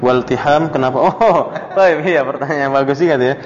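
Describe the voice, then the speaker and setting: A man leads a study circle, his fairly high voice swinging up and down as he quizzes students. The sound is dull and lo-fi, with a long hall reverb and a faint hiss underneath. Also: normal speed. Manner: questions students by name, chuckles, animated pitch jumps. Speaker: ustadz teaching a classical Arabic text. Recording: dull lo-fi audio in a reverberant room.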